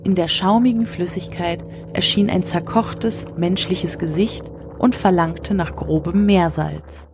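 A woman reading a story aloud in a measured storytelling manner. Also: on the low side, noisy background. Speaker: narrator. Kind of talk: scripted narration.

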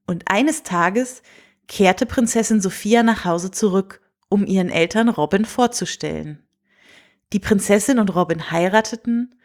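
A woman narrating a fairy tale in a calm, measured storytelling voice. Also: medium pitch.

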